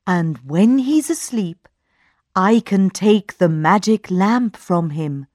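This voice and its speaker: Give me a woman putting on a gentle young hero, soft and calm, dry close sound. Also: mid-range voice, slow pace, no echo. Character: young man Aladdin, calm and kind.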